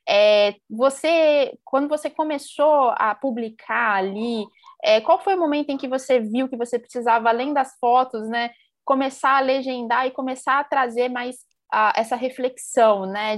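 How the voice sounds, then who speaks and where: A woman hosting a podcast interview, talking in a friendly, fluent way with frequent tag questions. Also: a little high. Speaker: podcast host.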